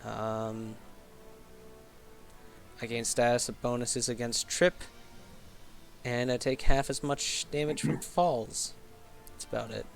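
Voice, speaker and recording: Guy with the hiccups playing a tabletop game, talks slow and full of ums, faint music behind. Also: medium pitch, fairly even intonation, gravelly. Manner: hesitant, lots of ums, swears casually. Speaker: player. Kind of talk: casual tabletop game play.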